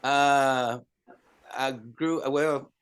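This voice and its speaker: A man in his seventies from Appalachian Tennessee, a storyteller and songwriter appearing as a podcast guest, shares personal anecdotes in a folksy, wry, conversational way with dry humor and a Southern Appalachian American accent. His medium-pitched voice is steady, fairly bright, and clean, and he draws out his words.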